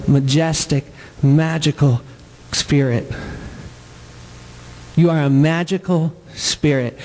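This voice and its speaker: A man in his forties doing live stand-up comedy before an audience, playful with drawn-out punchlines. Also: a little high, darkish tone, big-room sound, rough recording. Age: 40s. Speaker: comedian and singer.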